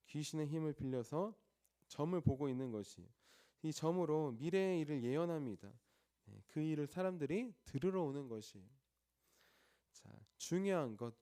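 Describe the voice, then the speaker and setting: Dark-voiced Korean man preaching. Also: medium pitch. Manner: asks the congregation questions and answers them himself. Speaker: pastor. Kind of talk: early morning sermon. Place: church.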